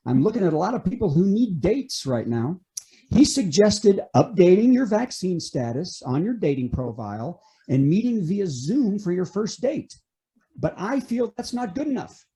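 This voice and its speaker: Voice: medium pitch, very animated, moderate pace, mellow. A comedian delivering a topical monologue of punchy late-night jokes, setting up news items and landing punchlines.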